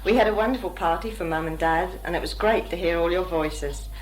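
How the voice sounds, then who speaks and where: A woman's voice: on the low side, poor audio. A young woman reading out a prepared, friendly message to relatives. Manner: scripted, chirpy wording, few pauses. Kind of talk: read-out spoken letter to relatives.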